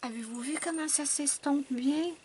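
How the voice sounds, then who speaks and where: A woman's voice: high-pitched, normal speed, darkish tone, a little hiss or hum. A woman, chatting at home as she tests art supplies, thinking aloud to her viewers with many fillers. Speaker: art channel host. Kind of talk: casual chat while swatching art supplies. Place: at home with her cat nearby.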